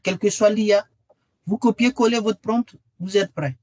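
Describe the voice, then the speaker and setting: Pitching his training course during a webinar, a man repeats important phrases and earnestly tries to persuade listeners to join. His voice sits high and is a little mellow, at a normal speed, with no room sound in the recording.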